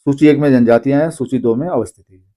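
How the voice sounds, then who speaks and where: A man teaching an exam-prep lesson, reading long lists of names slowly and pausing to explain. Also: medium pitch, warm tone. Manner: reads names slowly, apologizes for pronunciation.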